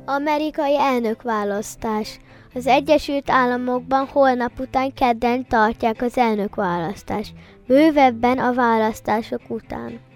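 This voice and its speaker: Higher-voiced woman reading the news. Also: soft background music. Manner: measured reading with small slips and restarts. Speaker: news reader. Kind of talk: read radio news bulletin.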